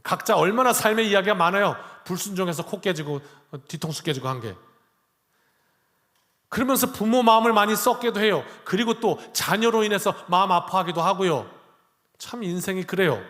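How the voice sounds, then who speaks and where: Animated high-voiced pastor preaching. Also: male voice, a little fast, long reverb tail. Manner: dramatic, acts out angry quoted lines, asks the congregation questions. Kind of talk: sermon. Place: church sanctuary.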